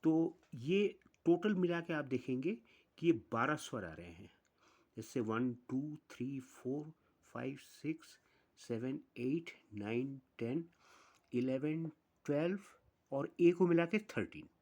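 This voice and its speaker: A man's voice: mid-range voice, expressive, darkish tone. A man teaching music theory, explaining step by step and counting through the notes one at a time. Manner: slow, deliberate, counts notes aloud one by one.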